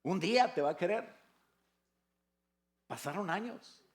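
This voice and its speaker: A man's voice: high voice, expressive, measured pace, vocal fry. An older man with a Mexican Spanish accent, a pastor preaching a sermon in a conversational way, with rhetorical questions and jokes. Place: church.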